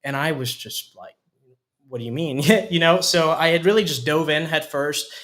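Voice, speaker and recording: A man in his twenties, originally from Hungary, telling his story as a guest in a studio interview with frequent pauses and restarts. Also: on the high side, fairly bright tone. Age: 20s. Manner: hesitant, many fillers and restarts. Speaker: company COO, guest. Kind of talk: casual interview talk.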